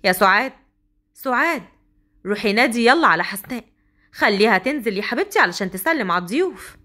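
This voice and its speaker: A woman voicing a proud, hospitable middle-aged mother-in-law, loud and effusive. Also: a little high, animated, quick pace. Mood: bossy.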